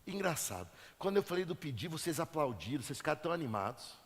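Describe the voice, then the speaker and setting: A male pastor with a Brazilian Portuguese accent, preaching a sermon in a church. He swells into emphatic, drawn-out phrases and then drops low and quiet. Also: very animated. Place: church sanctuary. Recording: long hall reverb.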